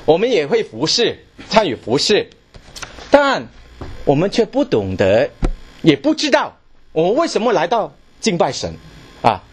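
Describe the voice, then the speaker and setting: A man's voice: high-pitched, wildly swooping pitch, a little slow, pauses often, slight background noise. A man preaching a sermon, asking the congregation questions and repeating his words as he goes.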